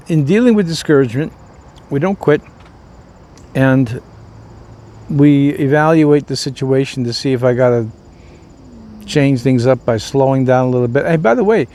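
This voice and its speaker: A man's voice: mid-range voice, a little mellow. An older man, a pastor, giving an informal devotional talk, rambling and folksy with many fillers and restarts.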